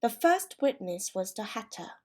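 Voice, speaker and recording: A woman narrating a storybook for language learners with clear, careful reading. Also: mid-range voice, big pitch swings, normal speed, dark tone.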